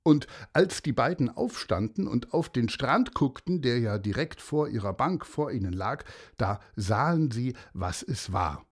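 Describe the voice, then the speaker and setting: A storyteller reading a children's story aloud with an expressive delivery. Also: mid-range voice, unhurried, slightly rough.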